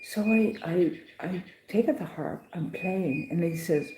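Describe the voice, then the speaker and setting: A woman recounting her pilgrimage day in a casual, animated vlog, with many restarts and acted-out voices. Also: lowish voice, a little slow, roomy sound, background noise. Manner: animated, acts out others' voices, restarts often. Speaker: pilgrim vlogger.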